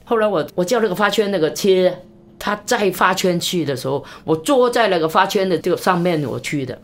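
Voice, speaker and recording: Recounting a story in an interview, a female evangelist speaks animatedly, her pitch swinging widely as she fires off quick, repeated phrases.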